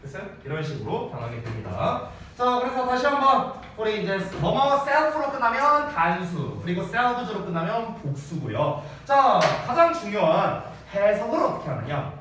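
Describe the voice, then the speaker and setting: A man's voice: high voice, big pitch swings, moderate pace, few pauses, fairly bright tone, far from the mic, a little hiss or hum. A man teaching a casual, joking English grammar lesson to a class, switching between polite and informal speech. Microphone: wearing a mask, mic some distance away. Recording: very echoey room, voice off-mic with faint ambience.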